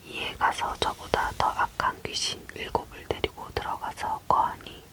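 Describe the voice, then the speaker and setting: A person leaning in to whisper a Bible reading in a breathy, unvoiced ASMR voice, close to the microphone. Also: normal speed. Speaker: Bible reader.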